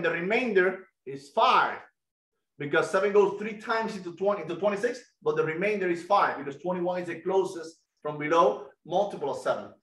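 A middle-aged man with a Cuban Spanish accent giving an energetic online math lesson and quizzing students over a video call headset. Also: high voice, reverberant, poor audio. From Cuba. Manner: energetic, asks students questions. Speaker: guest lecturer.

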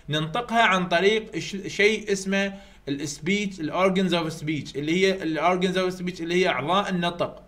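A man with an Iraqi Arabic accent giving an online university lecture, repeating key points slowly to drill his students. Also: high-pitched, fairly bright tone. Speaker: university English tutor. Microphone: computer mic over weak internet.

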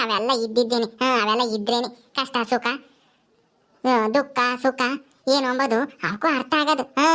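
A woman's voice: high-pitched, a bit bright. An older woman, talking casually in a home vlog, soothing and scolding a crying grandchild. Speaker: grandmother comforting a child.

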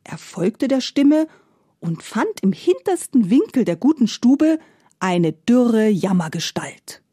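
Husky, expressive woman storyteller. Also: on the high side, slow pace, no echo, studio quality. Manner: expressive, drops to soft whispered phrases. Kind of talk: scripted fairy-tale narration.

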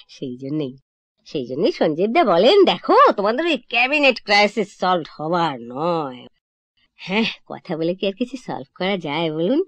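A woman's voice: mid-range voice, dry recording, natural voice. An actress performing a comic stage monologue as a chatty young divorced woman, confiding and correcting herself, on a dull lo-fi old recording. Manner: chatty, lively, self-correcting, confiding to listeners.

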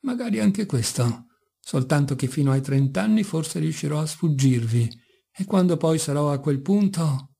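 A man's voice: a little high, expressive, normal speed, creaky, warm tone, breathy edge, full character voice. A man reading as mocking brooding young Ivan. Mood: ironic. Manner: ironic, bitter, sometimes passionate.

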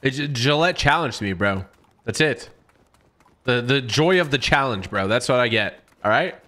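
Animated, bright-voiced gym-bro male streamer. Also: medium pitch, moderate pace. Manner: gym-bro hype talk, calls everyone bro; excitable, breaks into shouts. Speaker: video game streamer. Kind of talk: live gaming commentary and banter with teammates.

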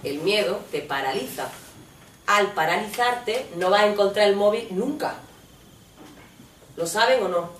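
A woman's voice: mid-range voice, a little slow, long pauses, recorded from a distance, a little hiss or hum. Spanish-accented woman for a blunt, profane stage monologue, voicing several people, picked up from afar in a roomy theater. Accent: Spain Spanish. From Spain. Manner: animated, switches between voices of people in her story, blunt and profane. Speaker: stage performer.

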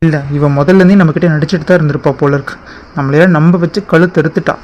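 A man's voice: fairly high pitch, steady tone, racing, a little mellow, a little hiss or hum, close to an everyday voice. A man voicing an angry, betrayed young man who scolds and reproaches in a cartoon drama. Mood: resentful.

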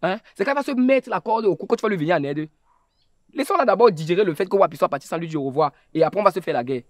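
A man's voice: sits high, expressive, rapid-fire, a little mellow, dry recording. A man playing a self-important young man who acts as head of the family, preachy and sermonizing. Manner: preachy, sermonizing, keeps adding "hein?". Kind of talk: web series drama acting.

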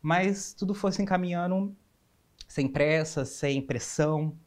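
A man's voice: a little high, a little slow. A young man in his twenties with a Brazilian Portuguese accent, a guest speaking openly and earnestly about his life, with frequent restarts. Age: 20s. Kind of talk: candid personal interview.

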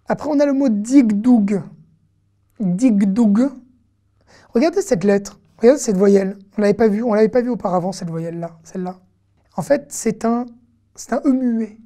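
Mellow-voiced woman teaching a language. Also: mid-range voice. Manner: repeats each word several times, patient and explanatory. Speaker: Hebrew teacher. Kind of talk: online language lesson.

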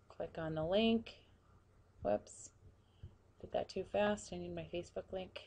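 A woman narrating a screen-recorded software tutorial, quietly talking through each step as she clicks. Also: lowish voice, gravelly, a little hiss or hum. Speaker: tutorial presenter.

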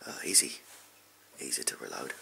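A young man acts out a sleazy backstreet arms salesman in a whispered role-play with an English accent. The voice is very low and heavily creaky, with a sharp, hissing edge. He pitches his wares in furtive, offhand, clipped phrases. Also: sing-song, moderate pace, heavily acted. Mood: furtive, selling. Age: young adult. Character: shady, amoral backstreet gun salesman, casual and furtive. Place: small indoor room at home. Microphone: close to the camera.

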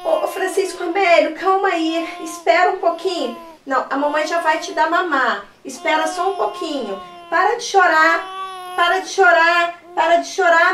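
A woman's voice: very high-pitched, background noise. A woman playing a frazzled young mother in a pretend-play skit, pleading and exasperated. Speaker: channel host. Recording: echoey room, far from the mic.

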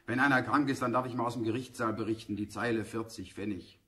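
A man's voice: fairly low pitch, steady tone, fast talker, husky. An actor playing a timid small-time male reporter who stammers and pleads with a policeman in a radio play. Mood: nervous pleading. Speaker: local reporter. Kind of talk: German radio play acting.

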